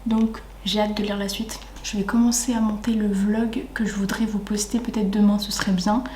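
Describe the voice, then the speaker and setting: A young woman chatting enthusiastically as a book vlogger, often dropping into soft breathy asides. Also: mid-range voice, little pitch movement, normal speed. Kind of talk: casual chat. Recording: echoey room with faint ambient noise.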